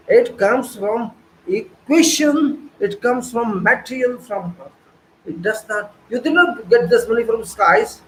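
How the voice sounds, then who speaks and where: A man with a high-set voice lectures on engineering in an online class. He preaches more than he explains, firing off rhetorical questions and repeating key phrases for emphasis. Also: roomy sound, a little hiss or hum, poor audio.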